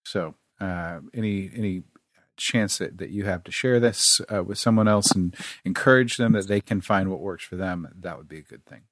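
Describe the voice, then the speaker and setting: A man's voice: deep voice, moderate pace, a bit bright, no room sound, studio quality. A man co-hosting a podcast, talking casually with many fillers and restarts as he reads out show business. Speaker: podcast co-host.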